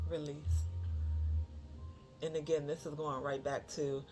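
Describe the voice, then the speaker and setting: A spiritual card reader giving a channeled reading to viewers, repeating phrases for emphasis, with many pauses and fillers. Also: medium pitch, flat delivery. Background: music.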